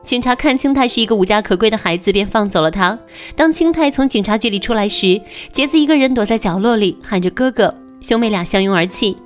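A woman's voice: mid-range voice, fast. A woman narrating a film recap in a scripted storytelling style. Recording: narration over faint background music.

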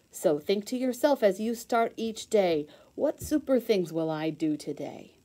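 Reading a children's storybook aloud, a woman teacher uses an expressive, sing-song delivery with clear emphasis. Her voice is mid-range.

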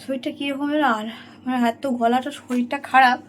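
A woman chatting to her viewers in a rambling home vlog, her voice hoarse from a cold. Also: high-pitched, fairly even intonation, brisk, a little hiss or hum. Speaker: home vlogger.

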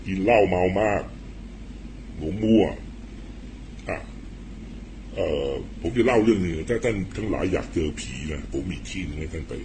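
A middle-aged man giving blunt, rough-spoken political commentary in a casual storytelling monologue. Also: low-pitched, expressive, a little fast, a little mellow, a little hiss or hum.

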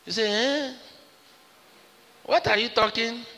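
A man's voice: very high-pitched, takes it slowly, bright, forceful tone, long reverb tail. A man preaching a sermon as pastor, emphatic and acting out the conversations he retells. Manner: emphatic preaching, acts out quoted exchanges.

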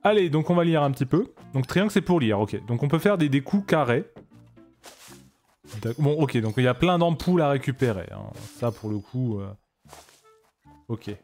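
A man's voice: medium pitch, animated, moderate pace, long pauses, darkish tone, soft background music. A man giving casual, joking commentary while playing a game on stream, chatty with frequent restarts. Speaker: let's play streamer.

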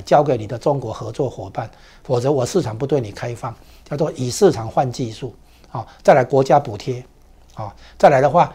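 A man speaks in Taiwanese-accented Mandarin as a political commentator on a talk show. His voice sits fairly high for a man. He argues emphatically, throws in rhetorical questions, and fills his pauses with 啊 and 哦. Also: darkish tone.

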